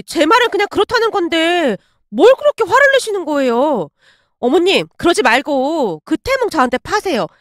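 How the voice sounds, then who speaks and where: A woman's voice: very high voice, dry recording, studio quality, voice pushed up. A woman voicing a pushy young daughter-in-law who whines and wheedles. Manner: wheedling, pleading.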